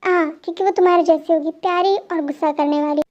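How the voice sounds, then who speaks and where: A woman's voice: very high-pitched, fairly even intonation, fast talker, darkish tone, dull audio. A woman voicing a coaxing, teasing young husband. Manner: coaxing, playful pleading. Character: apologetic, teasing young husband, a police officer. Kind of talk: amateur fan dub.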